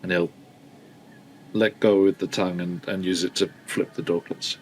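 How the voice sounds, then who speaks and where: A man's voice: low-pitched, flat delivery, moderate pace, slight background noise, low-quality recording. A man chatting informally as a tabletop player, thinking aloud as he describes his character's actions. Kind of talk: casual game chat, describing character's actions.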